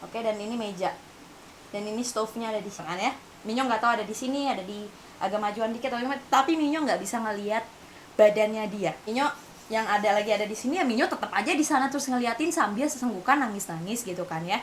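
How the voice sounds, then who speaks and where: A woman's voice: a little high, fast talker. A young woman from Indonesia telling a personal story to camera, casually mixing in English phrases. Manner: mixes in English phrases, refers to herself by name, animated retelling. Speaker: vlogger. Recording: faint hiss.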